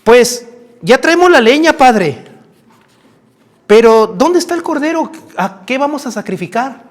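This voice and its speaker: A man voicing an obedient, curious young boy with a high, questioning voice in a sermon retelling. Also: very animated, a little slow, exaggerated voice.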